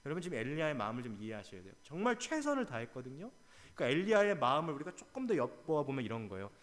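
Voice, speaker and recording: A male pastor giving an early-morning sermon, his pitch rising and falling in wide swings. He preaches with energy and acts out the people in his story. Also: rapid-fire. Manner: animated, acts out quotes dramatically.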